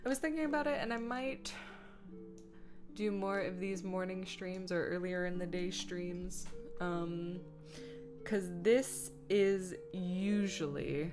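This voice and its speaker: With guitar music playing behind her, a woman at a medium pitch chats casually on her livestream while editing. As streamer and host she stays playful and silly, mocking herself in asides and muttering and humming as she works.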